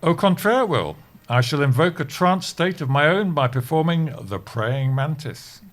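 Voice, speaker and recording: A man with a slightly high, animated voice speaks unhurriedly in a grandiose mood. He's an actor in a theatrical comedy audio drama, playing a pompous, earnest older office worker who dabbles in martial arts and mindfulness.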